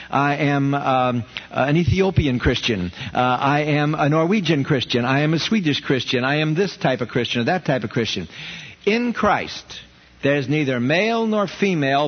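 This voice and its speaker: A ministry leader from Brooklyn, New York, earnestly answers listener questions in a conversational Bible study talk. His voice is on the high side with a breathy edge. The radio broadcast sounds dull and reverberant.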